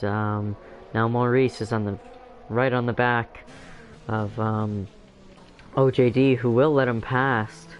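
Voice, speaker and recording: A man's voice: mid-range voice, slight background noise, low-quality recording. Rambling young male sim-racing commentator. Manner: rambling, filler-heavy, self-correcting. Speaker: race commentator.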